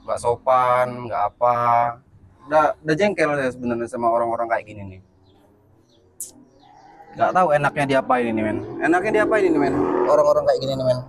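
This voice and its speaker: Skit lead: a calm, teasing man, average pitch, keeps laughing off the threats. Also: brisk, creaky, background noise. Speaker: skit lead and channel host. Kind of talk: amateur skit acting.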